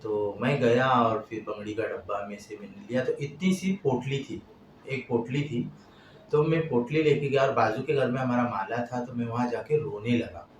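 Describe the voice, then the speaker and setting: A middle-aged man tells a personal story in a halting, heartfelt way, his voice swelling and dropping. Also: mid-range voice. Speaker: vlogger. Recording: echoey, distant, noisy room.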